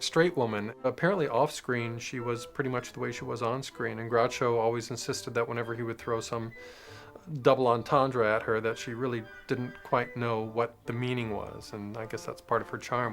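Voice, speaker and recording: A man giving measured commentary on film history, correcting himself as he goes. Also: mid-range voice, fairly even intonation, creaky, a bit bright, faint music behind. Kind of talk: informative commentary.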